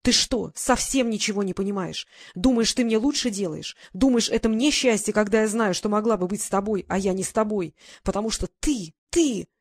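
A woman's voice: medium pitch, brisk, few pauses, dry recording, natural voice. A woman reading an audiobook, voicing a stubborn, emotional young woman who argues in a defiant, pleading way.

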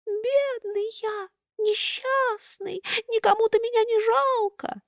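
A woman's voice: very high-pitched, moderate pace, no echo, studio quality, voice pushed up. A woman voicing a small wooden puppet boy who talks in a thin, plaintive, pleading wail.

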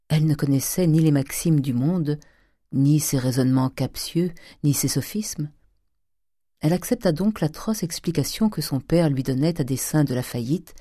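A woman narrates a classic novel in a measured, even reading. Her voice is low and mellow, with a dry, close studio sound and no room echo. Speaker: audiobook narrator.

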